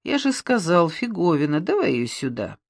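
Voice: mid-range voice, big pitch swings, normal speed, no room sound, clean studio sound. A reader voicing a smug, scheming male demiurge who lectures in a self-satisfied way, told as a storybook. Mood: smug, lecturing.

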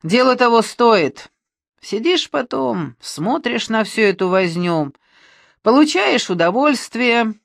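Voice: medium pitch, expressive, slow, gravelly, no echo, clean studio sound, voice pushed up. A reader voicing a smug, scheming male demiurge who lectures in a self-satisfied way, told as a storybook. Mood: smug, lecturing.

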